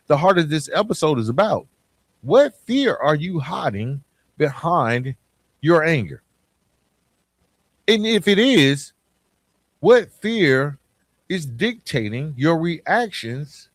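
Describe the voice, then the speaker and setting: Unhurried and fairly high-pitched, this man's voice swings widely in pitch, and there is no room sound in the recording. As a podcast host he gives an emphatic, colloquial motivational monologue, telling stories, repeating key phrases and addressing listeners informally.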